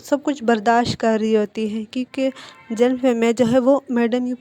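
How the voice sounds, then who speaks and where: A woman retelling a drama's plot in a relaxed, conversational way. Her voice sits a little high, and she often restarts a sentence as she goes. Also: normal speed, faint music behind. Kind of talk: casual story retelling.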